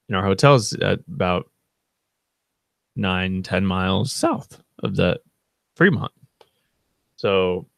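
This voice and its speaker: A man's voice: deep voice, gravelly, no room sound, clean studio sound. A man hosting his channel, telling a casual, rambling story to camera with lots of fillers and self-corrections. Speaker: channel host.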